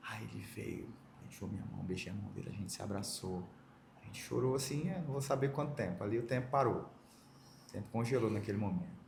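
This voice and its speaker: A man's voice: fairly low pitch, fast talker, vocal fry, echoey room, background noise. Brazilian man telling a heartfelt story. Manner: emotional, vivid storyteller acting out quoted dialogue. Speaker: guest. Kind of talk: personal storytelling in a podcast interview.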